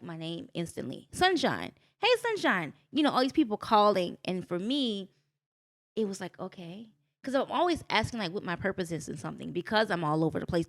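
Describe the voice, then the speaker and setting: A woman chatting as a podcast guest, recounting her own story with energy. She talks casually, and her voice leaps upward whenever she acts out what others said. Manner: animated storytelling, jumps into high voices for quotes.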